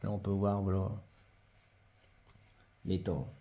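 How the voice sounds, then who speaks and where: Speaking low and slowly in a steady, mellow tone, a man walks viewers through his card collection. It's a casual show-and-tell vlog, and his talk is halting, full of fillers and repeated wording.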